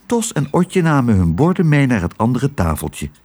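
A man narrates a children's audiobook in an expressive storytelling style. He speaks at a normal speed in a mid-range voice.

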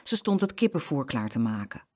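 A woman narrating a children's storybook with clear, expressive storytelling. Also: very deep voice, normal speed.

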